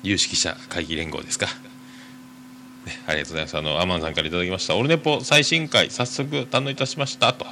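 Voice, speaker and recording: A man hosting a podcast, reading listener mail aloud and chatting casually in a rambling, hesitant way full of drawn-out fillers. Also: low-pitched, pushed and bright, slight background noise. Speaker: podcast host.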